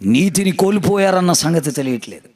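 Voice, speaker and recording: High-voiced pastor preaching emphatically. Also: male voice, lively intonation, a little fast, darkish tone. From India. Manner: emphatic, repeating phrases and calling for responses. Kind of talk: sermon.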